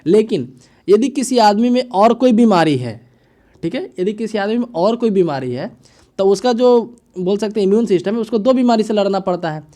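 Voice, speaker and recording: Speaking Hindi sprinkled with English phrases, this man walks students through the day's news analysis, more explainer than presenter. His voice sits high but mellow, he repeats himself casually with frequent "है ना" and "ठीक है" checks, and he reads headlines and English bits slowly and haltingly.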